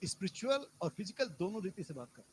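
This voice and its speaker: A male pastor preaching a sermon with emphatic repetition and rhetorical questions, swinging between loud exhortation and low, quiet asides. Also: sing-song, fast, slightly rough, dry recording, rough recording.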